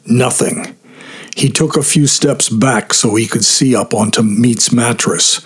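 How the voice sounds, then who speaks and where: A man reading a story aloud as narrator in a steady storytelling manner, voicing the characters lightly. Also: medium pitch, a little slow, slightly rough. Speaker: audiobook narrator. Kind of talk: scripted narration.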